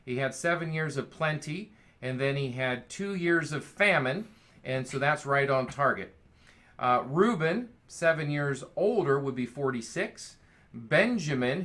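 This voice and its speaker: Guy teaching a bible study, bright crisp voice, eager and jokey. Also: on the high side. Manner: enthusiastic, reads scripture aloud, jokes.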